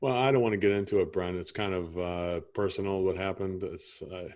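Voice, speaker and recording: A man's voice: deep voice, steady tone, a little fast, a little mellow. A man playing a homeowner customer in an improvised sales training role-play, rambling and often asking if you see what he's saying.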